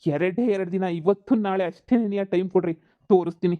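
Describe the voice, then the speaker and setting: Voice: medium pitch, brisk, no echo, phone-quality sound, close to an everyday voice. A performer voicing a cornered cartoon husband, wailing and pleading in a mid-range voice. He bargains and mutters sulky threats. The sound is dry and close. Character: cheating village husband, whiny and cornered. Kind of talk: cartoon comedy dubbing.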